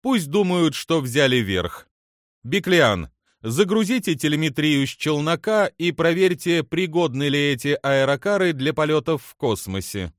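A man voicing a stern, commanding female alien admiral who gives crisp, decisive orders. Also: sits low, expressive, unhurried, no room sound, clean studio sound, pitched above the performer's own voice.

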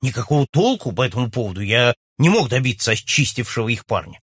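A man reading aloud and voicing a blunt young baronet who talks loudly and forthrightly in a husky voice. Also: medium pitch, sing-song, fast, dry recording, studio quality. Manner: loud, forthright, exclaiming. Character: young hearty baronet back from abroad, blunt.

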